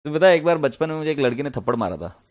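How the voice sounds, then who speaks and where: A man's voice: on the high side, big pitch swings, racing, highs cut off. A middle-aged man giving a casual classroom lecture, telling stories and joking with his students. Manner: chatty, joking, mixes Hindi and English. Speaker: accounts lecturer.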